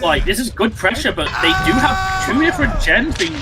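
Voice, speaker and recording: A high-pitched man calls the action live, his voice leaping up and down as he rambles through the play with restarts and fillers. Game music plays clearly behind him. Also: big pitch swings, a little fast. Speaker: esports caster.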